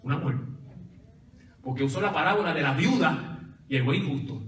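Male pastor, preaching sermon, bright forceful voice, heard from a distance in a church. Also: on the high side, expressive, fairly quick, slight background noise. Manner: preaching with call-and-response to the congregation. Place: church sanctuary. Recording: echoey church hall from far off.

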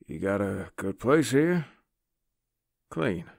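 An actor playing a rugged, scarred bounty hunter in a full-cast audio drama, casual and easygoing. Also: male voice, fairly low pitch, sing-song, takes it slowly, creaky, background noise, full character voice.

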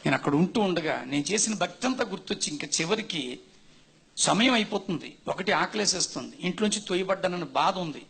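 A man with a high, gravelly voice and a husky edge tells his conversion testimony as a sermon. He speaks to his listeners directly, earnest throughout, building to emphatic bursts. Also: expressive, brisk, a bit bright. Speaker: preacher giving testimony.

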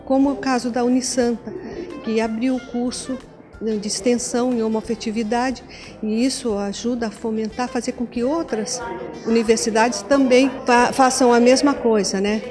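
A woman in her fifties gives an on-camera interview in an indoor meeting room, holding a handheld mic. She speaks slightly high and stops often to restart her sentences. Music plays clearly underneath her. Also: fairly even intonation, normal speed. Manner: hesitant, many restarts and fillers. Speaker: commission president. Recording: music bed behind the voice.

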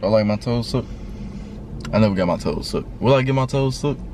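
A man's voice: expressive, brisk, mellow. A 19-year-old man with a Memphis Southern accent chatting casually while eating in a parked car, laid-back and full of slang. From Memphis, Tennessee. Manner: laid-back slang, jumps high when surprised. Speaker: YouTuber hosting a Q&A mukbang. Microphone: camera on dashboard. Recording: noisy car interior.

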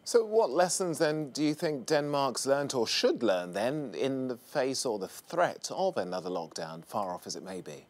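A man's voice: medium pitch, moderate pace, few pauses. Studio news anchor, male, poised and formal, leading a remote interview. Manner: formal, steady questioning. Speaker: news presenter. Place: large newsroom studio.

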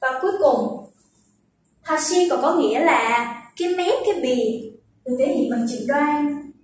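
A young woman teaching Japanese vocabulary, patiently explaining and slowly repeating words to show their pitch accent. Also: expressive, slight background noise. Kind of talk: vocabulary lesson. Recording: very echoey room, distant from the mic.

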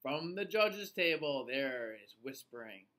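Animated kids show host, a slow-paced man. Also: mid-range voice. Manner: kids show host, sing-song and exaggerated for young children. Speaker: children's storytime reader. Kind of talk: animated picture-book read-aloud. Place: small indoor room, seated facing the camera.

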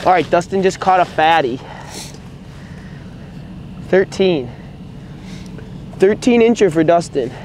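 Young man excitedly talking ice fishing outdoors. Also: high voice, slow, long pauses, slight background noise. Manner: excited, chatty, explains his tackle. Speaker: fishing vlogger. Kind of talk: casual outdoor commentary. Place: outdoors on a frozen lake. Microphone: camera mic on the ice.

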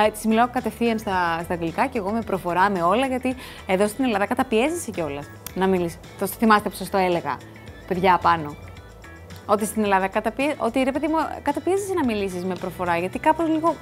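A woman hosting a TV show, talking casually to the camera in a rambling way, full of asides and restarts. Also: medium pitch. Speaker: TV show host. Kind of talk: casual studio chat to camera. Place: TV studio.

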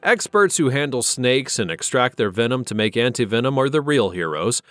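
A man narrating a scripted wildlife countdown, steady with dramatic emphasis, over faint music. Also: medium pitch, moderate pace. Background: faint background music.

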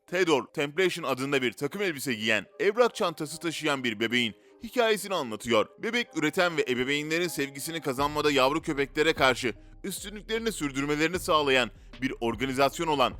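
Over background music, a list-video narrator reads his script with dramatic, rhetorical flair. His voice is on the high side and fairly bright.

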